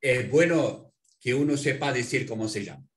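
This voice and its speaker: A man teaching a language in an interview, patiently explaining and spelling out words slowly. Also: mid-range voice, roomy sound. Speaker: Arabic language instructor.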